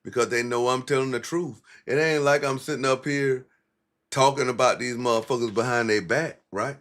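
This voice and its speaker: A man hosts a livestream, sounding off in blunt, profane street talk. His voice sits at a middle pitch, and he mocks the people he talks about as he goes. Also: fairly even intonation, normal speed, a bit bright. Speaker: livestream commentary host. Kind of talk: casual livestream commentary.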